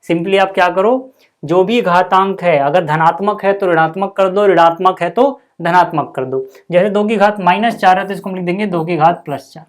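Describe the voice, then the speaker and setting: A man's voice: high voice, moderate pace. A man teaching a school maths lesson, patient and step by step, checking in often with the class.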